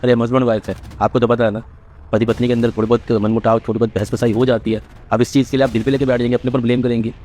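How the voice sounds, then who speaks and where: A man's voice: mid-range voice, little pitch movement, rapid-fire, a little mellow, slight background noise, close to an everyday voice. A man as a pleading, exasperated son. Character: tired son torn between mother and wife. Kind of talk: Hindi family drama acting.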